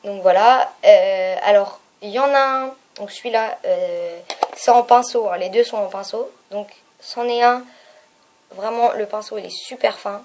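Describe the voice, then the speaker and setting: A woman's voice: medium pitch, measured pace, darkish tone. A young woman chatting casually as a beauty vlogger, hesitant and full of fillers while she reviews makeup.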